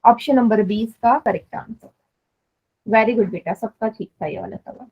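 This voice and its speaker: A woman's voice: a little high, moderate pace, breathy edge, muffled recording. A woman teaching math in a live online class, patiently explaining and quizzing students. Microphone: online class stream.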